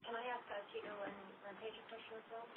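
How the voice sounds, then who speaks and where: A woman's voice: on the high side, level tone, fast. A woman reporter asking short, probing questions on speakerphone during a press conference call. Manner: inquisitive, presses with short follow-ups. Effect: on speakerphone over a conference call. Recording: tinny distant phone line with hiss.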